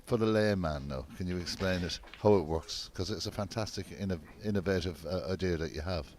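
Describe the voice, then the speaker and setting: Very deep-voiced male snooker commentator. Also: brisk, darkish tone, a little hiss or hum. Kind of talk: live snooker commentary with chat.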